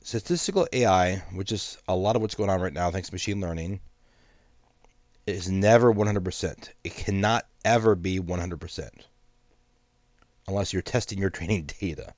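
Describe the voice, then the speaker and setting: A man hosting his own channel, giving a measured, cautionary solo commentary while congested from a sinus infection. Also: low-pitched, no room sound.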